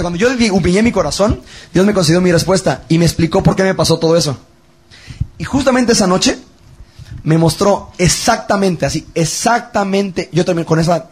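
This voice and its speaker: A Mexican man in his thirties delivers a heartfelt sermon to a youth camp. His voice is husky and pitched a little high. He acts out his own prayers and swings between hushed, breaking lines and sudden lifts in his voice. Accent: Mexican Spanish. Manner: dramatic, quotes prayers, swings loud and hushed. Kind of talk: emotional personal testimony sermon.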